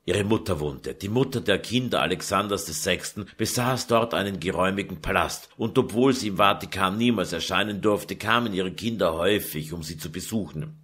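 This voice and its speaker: A man reading a historical novel aloud in measured scripted narration. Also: low-pitched, a bit bright, husky. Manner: measured storytelling. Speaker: audiobook narrator.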